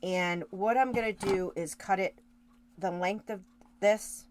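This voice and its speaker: In a mid-range voice and at a slightly slow pace, a woman hosts a laid-back card-making tutorial. She talks casually with live viewers as she works, with rambling tangents and self-corrections.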